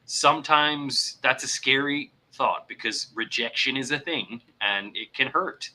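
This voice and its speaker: An earnest man co-hosting a casual talk about mental health. His voice is very bright and forward, and he often repeats words as he gathers his thoughts. Now and then he acts out examples in a put-on voice. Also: mid-range voice, measured pace, poor audio. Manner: puts on voices to act out examples. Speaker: podcast co-host.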